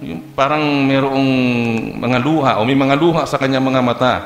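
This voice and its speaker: A man with a Filipino accent preaching a conversational sermon, pausing on fillers and putting questions to the congregation. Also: mid-range voice, steady tone, soft background music. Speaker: pastor. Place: church hall. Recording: echoey church hall.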